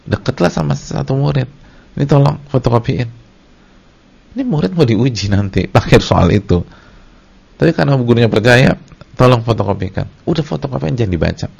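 A middle-aged man, an Islamic preacher giving a lecture to his congregation in a lively, storytelling way. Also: mid-range voice, brisk. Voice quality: gravelly, husky. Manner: lively storytelling, acts out short scenes. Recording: dull lo-fi lecture recording.

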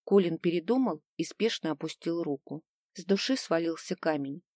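A woman narrating a novel in the first person with an even, measured reading. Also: lowish voice, no echo, clean studio sound. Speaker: audiobook narrator.

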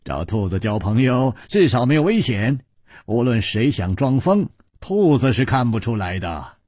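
A man voicing a calm, confident swordsman hero who speaks in an unhurried, teasing way. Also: medium pitch, breathy edge, no room sound, studio quality.

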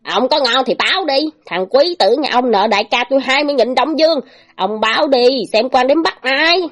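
A woman doing a swaggering thug boss, loud and menacing. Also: high voice, animated, a little fast, soft background music, voice pushed up. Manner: menacing, threatening, jeering. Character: brutal swaggering male thug gang leader.

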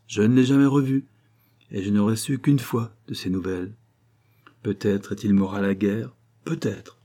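A man's voice: on the low side, steady tone, normal speed, mellow, close to an everyday voice. A man voicing a kindly old forester, a father who is mock-severe at first, then fond and proud. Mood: proud, earnest.

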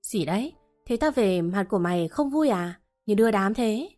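A woman's voice: mid-range voice, expressive, moderate pace, dark tone, faint music behind, natural voice. A woman voicing a harsh middle-aged mistress of the house who scolds her maid with contempt. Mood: scornful.

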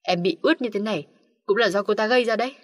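A woman's voice: mid-range voice, fast talker, lightly acted. A woman voicing a scheming young woman who whines and blames others in an audiobook story. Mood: whiny accusing. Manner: whining, blaming.

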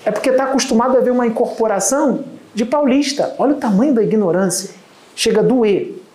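A man's voice: extremely high pitch, fairly quick, darkish tone, reverberant, low-quality recording. A man with a Carioca accent from Rio de Janeiro, a medium giving an emphatic, lecturing spiritual talk that scorns his critics. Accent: Carioca Portuguese. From Rio de Janeiro, Brazil.

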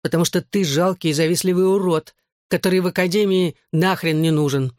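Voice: medium pitch, fairly even intonation, brisk, a little mellow, no echo, close to an everyday voice. An audiobook reader voicing a hot-headed, drunk young male brawler who snarls his threats, in a dry close recording. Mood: furious. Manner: snarling, aggressive.

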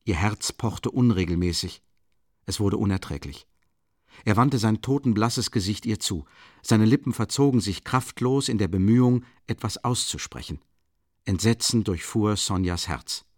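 A man narrating an audiobook in a measured, even, literary manner on a close studio microphone. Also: fairly low pitch, dry recording. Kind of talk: scripted narration. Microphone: close studio mic.

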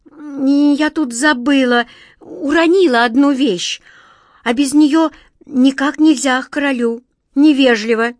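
A woman voicing a flustered, clumsy young girl who pleads in a high, hurried voice. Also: no echo, studio quality. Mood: fibbing.

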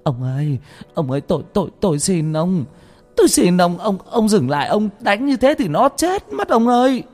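A man's voice: high-pitched, sing-song, moderate pace, darkish tone, soft background music, pitched above the performer's own voice. A man voicing a desperate middle-aged mother who begs in a stammering wail. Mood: pleading. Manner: wailing, stammering pleas.

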